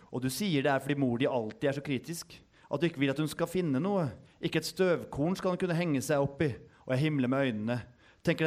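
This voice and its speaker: A male author reading his own prose aloud at an event. He takes his time, with even, deliberate phrasing and a mid-range voice. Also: medium pitch.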